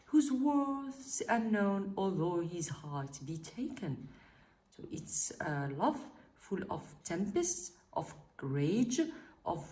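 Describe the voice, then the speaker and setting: Slow, lively Algerian woman teacher. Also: medium pitch. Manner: deliberate, explanatory, reads verse aloud slowly. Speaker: literature teacher. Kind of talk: recorded poetry lesson.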